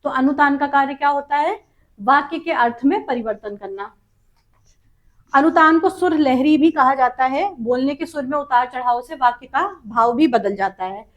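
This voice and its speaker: A woman's voice: high voice, lo-fi sound. A woman teaching a spoken exam practice lesson, reading out questions and options and then explaining each answer. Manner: drawn-out sounding-out of vowels and terms.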